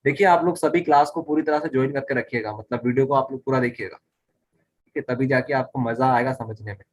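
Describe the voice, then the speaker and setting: A man's voice: mid-range voice, a little fast. A man teaching a physics lesson, repeating key phrases and often stopping to check that students understand. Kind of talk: explaining a lesson at a whiteboard.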